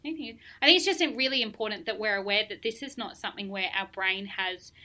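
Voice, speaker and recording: A woman hosts a casual wellness chat. Her voice is bright and forward. She swears loosely and laughs easily between thoughts. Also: medium pitch, fast talker. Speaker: podcast host.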